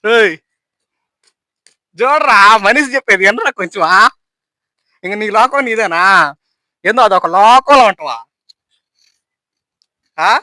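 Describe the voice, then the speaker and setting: A man filming a prank vlog on a phone at home, loudly and insistently calling out to his friend and teasing him. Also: sits high, lively intonation, slow pace, long pauses, low-quality recording. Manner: loud, insistent, repeats calls and commands. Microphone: phone camera.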